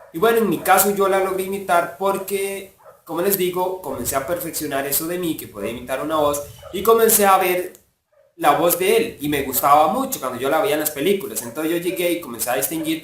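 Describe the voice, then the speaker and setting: A rambling man, a voice impressionist, explaining his techniques in a slightly high voice. He is recorded far from the mic in an echoey room, with a faint hiss underneath. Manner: rambling, full of filler words. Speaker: voice impressionist and fandub creator. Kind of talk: casual explanation of voice imitation techniques.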